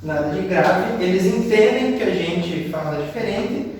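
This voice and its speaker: A man from Brazil teaching an English class, explaining step by step and repeating words slowly for drill. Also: high-pitched, expressive, a little mellow, distant mic, a little hiss or hum. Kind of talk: classroom lesson. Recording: roomy echo, voice off-mic with long reverb.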